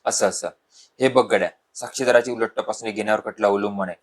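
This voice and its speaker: A man's voice: fairly even intonation, quick pace. A man reading a humorous village story aloud, lifting his voice for the characters' lines. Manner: voices the dialogue with louder, higher bursts.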